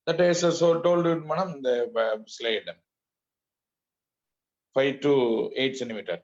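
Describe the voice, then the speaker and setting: Halting male doctor, South Indian accent. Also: mid-range voice, darkish tone, highs cut off. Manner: halting, repetitive, polite. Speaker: doctor giving a medical lecture. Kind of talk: webinar lecture and question answering.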